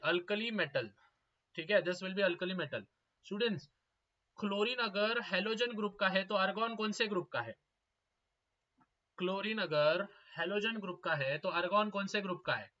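A young man teaching a live exam-prep class, repeating each question and urging students to answer fast. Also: sits high, sharp tone. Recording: slightly dull lo-fi audio.

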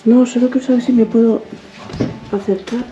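A woman, exploring an abandoned house in a casual vlog, exclaiming and marveling aloud, often hushed. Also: fairly high pitch, fairly even intonation, moderate pace, a little hiss or hum. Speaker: urban explorer host. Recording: roomy, dull lo-fi camera audio with faint music.

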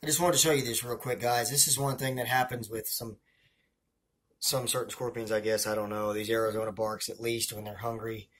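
A man's voice: lowish voice, flat delivery, fairly quick, fairly bright tone, slightly rough. A man with a Southern US accent narrating a casual feeding video as a hobbyist keeper, chatty and rambling, talking to viewers as guys. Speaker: hobbyist scorpion and tarantula keeper.

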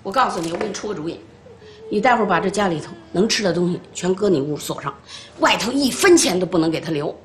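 An actress playing a bossy, sharp-tongued middle-aged grandmother who scolds a small child in a TV drama. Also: high voice, big pitch swings, normal speed, reverberant, a crowd in the background. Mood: stern. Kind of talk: TV drama acting.

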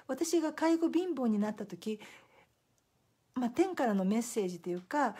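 A woman's voice: sits high, breathy edge. A middle-aged woman, a simultaneous interpreter, chatting casually to live-stream viewers and telling stories with acted-out quotes. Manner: lively storytelling with acted-out quotes.

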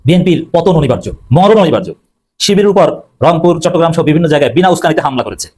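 Male pundit, fast, slightly high, combative and repetitive, for a politics segment. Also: lively intonation, a little mellow, slightly rough. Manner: fillers and self-corrections. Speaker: political commentator. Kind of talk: opinionated political commentary.

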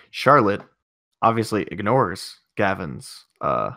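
A man's voice: fairly low pitch, big pitch swings, slow pace, gravelly, bright, forceful tone, no echo, clean studio sound. A man playing a tabletop role-playing game over voice chat, laid-back and chuckling as he talks. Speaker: tabletop role-play player.

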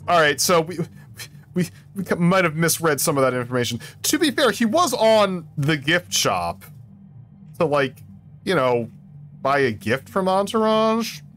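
A man's voice: a little high, big pitch swings, measured pace, fairly bright tone, faint music behind. A man streaming a video game, commenting casually in a playful, jokey way and laughing often.

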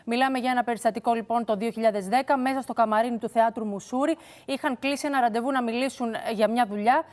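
A woman's voice: fairly high pitch, steady tone, a little mellow. A woman reporting on a court case on a TV news panel, retelling testimony in detail with a few restarts.

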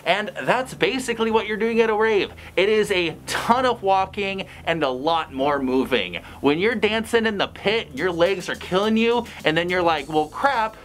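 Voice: medium pitch, animated, moderate pace, hardly any pauses. A fursuiter giving casual vlog advice from inside a costume head. The voice is muffled and chatty, with dry, sarcastic asides. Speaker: fursuiter vlogger.

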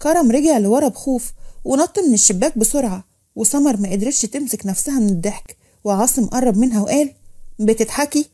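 A woman's voice: on the high side, fast, mellow. A woman with an Egyptian accent narrating a scripted romance story. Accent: Egyptian Arabic.

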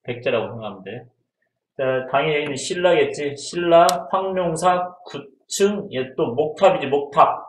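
A man's voice: on the high side, expressive, normal speed. A man teaching history in a casual exam-prep lecture, who asks his students questions and answers them himself. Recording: roomy echo.

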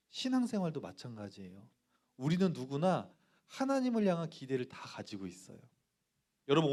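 A man's voice: a little high, darkish tone. A male pastor giving a sermon to students, telling a personal story and asking the listeners questions, acting out the voices in his quotes. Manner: acts out quoted voices in dialogue.

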